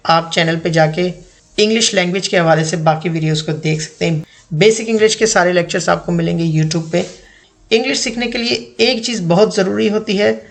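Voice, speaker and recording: Man, 30s, English teacher, slide lesson voice-over, gravelly, higher voice, repeats examples. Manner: deliberate, repeats each example sentence twice.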